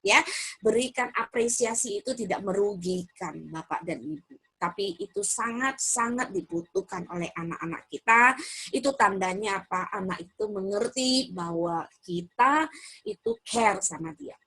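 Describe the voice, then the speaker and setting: A middle-aged woman giving a parenting seminar, lively, asking the audience questions and acting out quoted voices. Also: medium pitch, moderate pace, husky.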